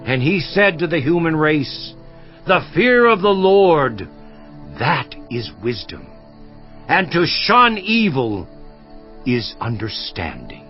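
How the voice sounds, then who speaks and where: An actor playing Job, an aging afflicted man, declaiming scripture slowly and solemnly in a dramatized audio Bible, over a dull, lo-fi recording with faint music behind. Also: fairly high pitch, big pitch swings, heavily acted.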